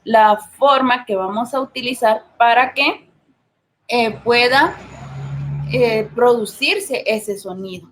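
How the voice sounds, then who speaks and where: A woman teacher with a Guatemalan accent explaining a lesson, checking in with tag questions and pausing on fillers. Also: fairly high pitch, slight background noise. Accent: Guatemalan Spanish. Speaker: literature teacher. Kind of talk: recorded class lesson.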